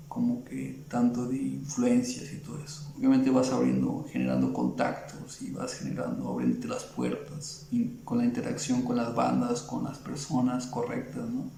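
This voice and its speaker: A man's voice: mid-range voice, gravelly, dark tone, roomy sound, slight background noise, low-quality recording. A Mexican man with a Mexican Spanish accent, an illustrator in a casual interview, talking in a rambling way with many fillers and restarts. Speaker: illustrator guest.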